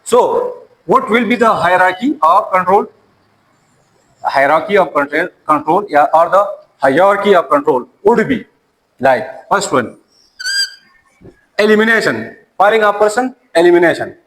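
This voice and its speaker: A man's voice: high voice, expressive, measured pace, fairly bright tone, rough recording. A man, an Urdu speaker, teaching a classroom lecture and often repeating and restarting his words.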